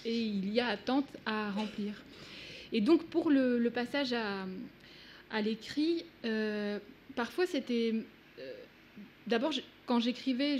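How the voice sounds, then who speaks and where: Woman author with Russian as her first language, thoughtful and halting, slightly high voice. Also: darkish tone, a little hiss or hum. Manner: searching for words, many hesitations. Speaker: author guest. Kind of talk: reflective talk. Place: event hall.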